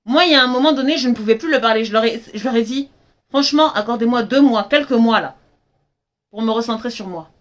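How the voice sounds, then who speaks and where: A woman's voice: fairly high pitch, quick pace. A young woman life coach speaking earnestly and emphatically in a live stream talk, often repeating lines for weight. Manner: earnest, emphatic, acts out her parents' lines in dialogue.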